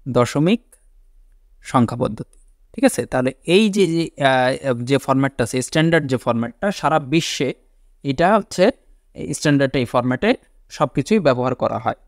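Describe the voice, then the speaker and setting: A man's voice: mid-range voice, no room sound, studio quality. A man teaching a lecture, repeating key words, asking and answering his own questions and often checking whether his listeners follow. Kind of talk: classroom lecture.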